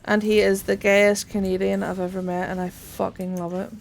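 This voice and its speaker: A young woman streaming a game, chatting casually, swearing freely and squealing when excited. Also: mid-range voice, normal speed, gravelly, slight background noise. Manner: bubbly, swears freely, greets chat warmly. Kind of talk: casual gaming stream chat.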